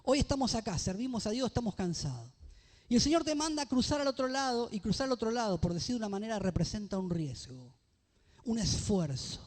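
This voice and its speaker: A pastor delivers a sermon in a high voice, his phrases climbing in emphasis as he calls out questions to the congregation. The sound hangs in the long reverb of a church hall. He reads scripture slowly and deliberately. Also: big pitch swings, darkish tone. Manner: preaching, with rising emphatic phrases and call-and-response questions.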